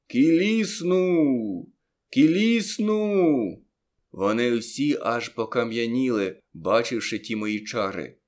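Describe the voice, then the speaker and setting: A man narrating a first-person story aloud as an audiobook reader, in a lively storytelling manner that stretches some words slowly for effect. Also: on the low side.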